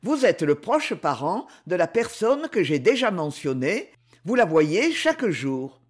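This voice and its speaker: An earnest man presses his point with polite, formal insistence, as a male audiobook reader plays him. The voice rides high for a man with lively rises and falls, steady and courteous in a storybook reading. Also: measured pace, husky, exaggerated voice.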